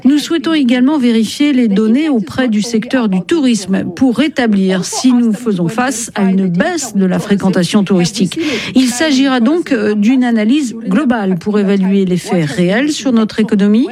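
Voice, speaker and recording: A woman speaking as a committee chair in a formal, deliberate statement. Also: a little high, expressive, crowd noise. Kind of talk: interpreted official statement.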